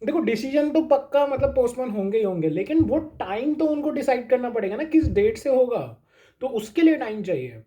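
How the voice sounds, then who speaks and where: A man's voice: extremely high pitch, big pitch swings, fairly quick, warm tone. A man giving a casual pep talk to exam students, reassuring them and repeating his points, with English phrases mixed into his talk. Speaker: exam coaching YouTuber.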